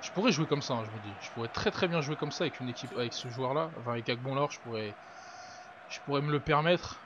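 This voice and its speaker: A young man from France giving live commentary on his own football video game match, excitable, swearing and talking to himself. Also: medium pitch, fast. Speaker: gaming video creator. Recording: dull lo-fi with noise.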